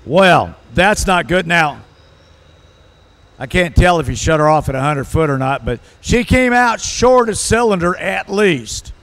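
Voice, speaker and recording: Male tractor pull announcer with a high-pitched voice, providing live commentary on the competition. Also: expressive, measured pace, a bit bright.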